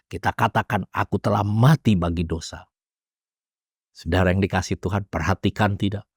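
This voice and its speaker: A man's voice: medium pitch, no echo, studio quality. A man, a pastor preaching a sermon, rising into emphatic bursts.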